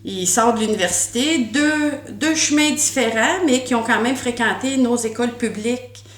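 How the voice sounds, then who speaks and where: A middle-aged woman from Quebec, Canada, with a Québécois French accent, responds to interview questions as a school board candidate. Her voice is a little high and her pace moderate, and she comes across as earnest, repeating words as she searches and often restarting with "euh." The room is echoey.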